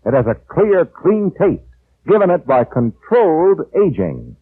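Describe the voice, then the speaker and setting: A man working as announcer on an old radio show, reading scripted commercials and story recaps in a smooth, persuasive pitchman manner. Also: wildly swooping pitch, a little slow. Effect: old radio broadcast sound. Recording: tinny lo-fi vintage radio broadcast.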